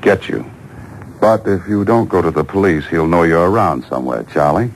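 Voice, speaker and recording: On a noisy old-time radio drama taped off the air, an American actor with a low voice speaks at normal speed, playing a man on the run who is coolly menacing, wry, and taunting.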